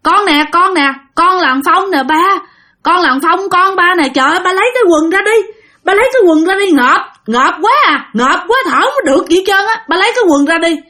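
A woman's voice: very high voice, animated, a little fast, pushed and bright, voice pushed up, full character voice. A woman voicing the ghost of a dead young man who speaks through his mother's body, pleading and urgent. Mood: pleading, smothered. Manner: pleading, urgent, gasping for air.

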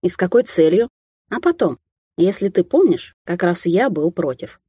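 A woman voicing an irritated, menacing young man who hisses his words low and slowly. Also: very animated, dark tone, husky, no echo, clean studio sound. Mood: angry hissing. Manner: hissing, low and slow.

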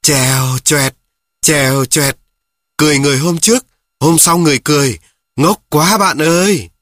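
A man's voice: a little high, moderate pace, a bit bright, dry recording, studio quality, voice pushed up, natural voice. A man voicing a wise little bird who chirps and scolds the mockers in a sing-song voice. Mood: chiding.

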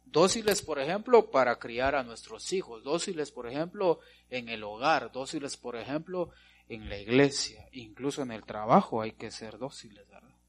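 A man's voice: mid-range voice, normal speed, a little hiss or hum. A male pastor preaching a sermon, punctuating his points with repeated amens and rhetorical questions to the congregation.

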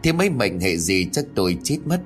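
A man's voice: sits low, big pitch swings, brisk, soft background music. A man voicing a lamenting elderly village woman in a narrated ghost story. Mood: tearful.

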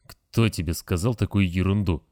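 Male reader playing a weary, patient older caretaker in an audiobook: low, warm, gentle. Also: normal speed, dry recording, clean studio sound, lightly acted.

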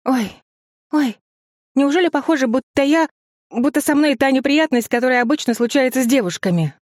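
A nervous, hurried young woman, as a male narrator puts her on in an audiobook. The voice is pushed well above his own and chatters on breathlessly. The recording is dry and close. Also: high-pitched, a little mellow, no room sound, voice pushed up, natural voice. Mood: desperate. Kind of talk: audiobook character voice.

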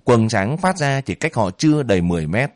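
A man narrating a war novel as an audiobook in a slow, measured way. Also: medium pitch, sing-song, no room sound, clean studio sound.

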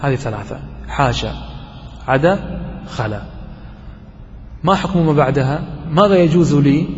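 A man teaching an Arabic grammar lesson to a class. He keeps checking that the students follow with quick questions, and he repeats his examples slowly. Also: a little high, expressive, slight background noise. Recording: dull lo-fi recording in a hall with long reverb.

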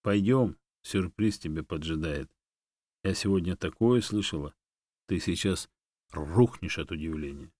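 A man's voice: low voice, measured pace, a little mellow, no echo. A man voicing a sarcastic, know-it-all female monkey who teases and mocks her friend. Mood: teasing. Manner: teasing, mocking.

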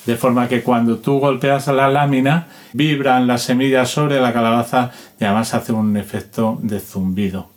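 A man with a medium-pitched, steady voice speaks at a moderate pace with hardly any pauses. Like an interviewed musician and instrument collector, he explains things informally, tells anecdotes and demonstrates rhythms with spoken syllables.

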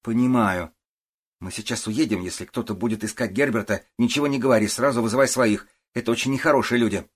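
A blunt, stubborn woman police officer, as a male narrator puts her on, clipped and sardonic, with her voice pushed up high. The tone is husky and a little rough. Audiobook reading. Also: fast talker, natural voice. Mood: curt. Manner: curt, sardonic.

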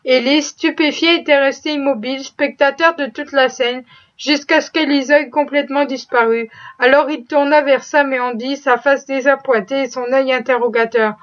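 High-voiced woman reading a novel. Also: fairly even intonation, normal speed. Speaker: reader. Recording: dull lo-fi recording.

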